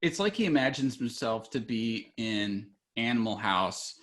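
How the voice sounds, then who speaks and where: A man's voice: mid-range voice, expressive, a little slow, a bit bright. A young man hosting a casual film podcast, rambling, restarting his sentences and often laughing as he talks. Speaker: podcast host.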